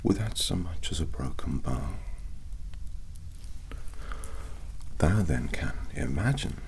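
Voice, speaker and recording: A man in his thirties with an English accent playing a haughty, menacing, dying medieval king in ASMR role-play, with archaic, deliberate, halting phrasing. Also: extremely low pitch, animated, creaky, darkish tone, slight background noise, heavily acted. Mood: imperious, musing.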